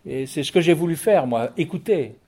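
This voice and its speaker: A man over fifty speaks as an interview guest, his voice somewhat high for a man yet mellow and dark in tone. He talks with passion but often stops, restarts and repeats his words while searching for them. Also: lively intonation, brisk, breathy edge. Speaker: guest, record producer and music writer. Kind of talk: radio interview.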